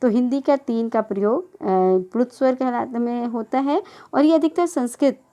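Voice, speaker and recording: A woman teaching a school grammar lesson, patiently repeating definitions, checking whether the class understood, and drawing out vowel sounds slowly as she lists them. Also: high voice, dark tone.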